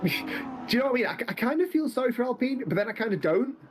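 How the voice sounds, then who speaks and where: A man's voice: very high-pitched, very animated, noisy background. A man of twenty commentating a sim racing event live, calling the action and joking with his co-host. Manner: joking, quick banter between race calls.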